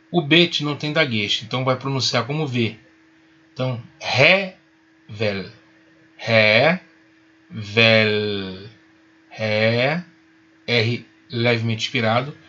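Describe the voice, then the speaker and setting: A man teaching a Hebrew lesson, patient and reassuring, spelling out each sound slowly. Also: mid-range voice, pushed and bright, husky, highs cut off. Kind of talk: recorded online lesson.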